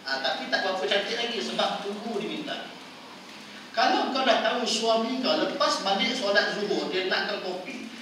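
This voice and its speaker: Malaysian Malay preacher, high-pitched and playful, recorded from afar in a noisy, echoing hall. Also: male voice, normal speed, pushed and bright. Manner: playful, quizzes audience, acts out wives' voices. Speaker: religious lecturer. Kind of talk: lively mosque lecture. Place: mosque prayer hall. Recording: echoey hall, distant mic, noisy.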